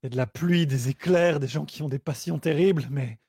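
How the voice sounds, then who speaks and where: A man improviser in casual, playful banter, with halting and repetitive phrasing. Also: a little high, warm tone, slightly rough, no echo, studio quality. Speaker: improviser on a comedy show.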